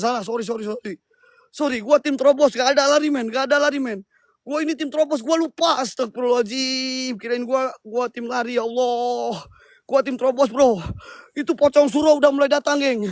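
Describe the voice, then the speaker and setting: Young male ghost-hunt vlogger, very high voice, excitable and shouty, casual slang. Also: brisk, no echo, studio quality. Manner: loud excitable calling out, slangy banter with the crew. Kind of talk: casual night-time ghost-hunt vlog. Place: forest at night, outdoors.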